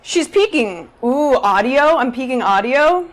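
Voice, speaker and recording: Bubbly loud-talking woman cooking at home. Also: sits high, animated, unhurried, slight background noise. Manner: bubbly, chatty, addresses viewers directly; self-described loud talker. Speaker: cooking video host. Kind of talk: live-streamed cooking demo chat. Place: home kitchen in a Brooklyn apartment. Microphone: 360 camera rig.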